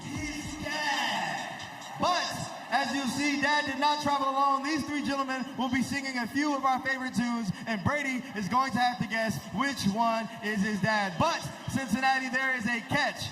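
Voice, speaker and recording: A man delivers hype announcements as a ballpark emcee. His booming, pumped voice sits very high with a sharp edge. It rings out over a stadium PA with a long echo. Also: fairly even intonation, normal speed, soft background music. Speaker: on-field game emcee. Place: large open ballpark.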